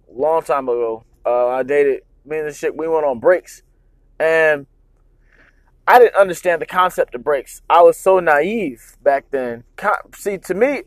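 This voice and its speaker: A man's voice: a little high, darkish tone. A young man with a slightly raised voice, ranting bluntly about celebrity news in loose slang and frequent curses. His delivery is full of fillers and trailing asides. The sound is dry and close, with no room echo. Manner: blunt, slangy, swears freely. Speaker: show host. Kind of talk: casual opinion rant on celebrity news.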